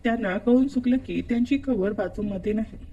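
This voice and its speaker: A woman reading a first-person story aloud in steady scripted narration. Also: a little high, fairly quick, lo-fi sound, a little hiss or hum.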